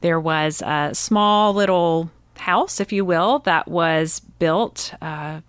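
A woman's voice: on the low side, takes it slowly, smooth, no echo. A woman speaking as a radio interview guest, upbeat and enthusiastic, with a few fillers. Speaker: nature center president.

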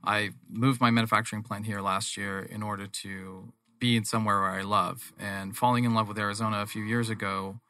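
Male interview guest, North American accent, earnest and wordy, forceful bright tone, fairly flat delivery. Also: fairly low pitch, a little fast, hardly any pauses. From England, later Toronto, Canada. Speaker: guest, manufacturing business owner. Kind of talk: conversational interview.

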